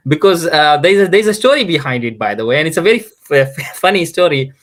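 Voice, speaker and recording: A man's voice: a little high, expressive, quick pace, a bit bright. Chuckly Fiji Indian man in casual chat. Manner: chuckles often while talking. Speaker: interview guest. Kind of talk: casual chat, telling anecdotes.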